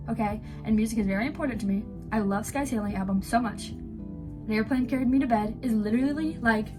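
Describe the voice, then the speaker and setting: Young woman YouTube reactor, higher voice, gushing and giggly, rambles excitedly. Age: 20s.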